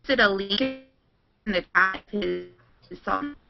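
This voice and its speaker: A woman's voice: medium pitch, expressive, a little slow, gravelly. Woman on a glitchy, breaking-up call. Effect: choppy, breaking-up internet call audio. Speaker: call-in participant. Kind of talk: casual chat. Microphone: video call. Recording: dull lo-fi call line, faint music.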